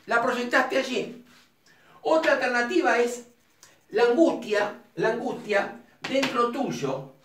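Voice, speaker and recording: A man with an Argentine Rioplatense accent lectures casually at a whiteboard, digressing often and making chatty asides to whoever is watching. He has a very high, fairly bright voice. The echoey room and distant mic come with a little hiss or hum.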